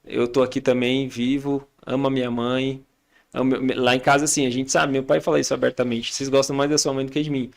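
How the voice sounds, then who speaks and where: Brazilian man in his thirties, podcast guest, very gravelly, talks fast, acts out family scenes. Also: medium pitch, flat delivery. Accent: Brazilian Portuguese. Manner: storytelling, acting out family dialogue. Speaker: podcast guest, father and church leader. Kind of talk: casual chat.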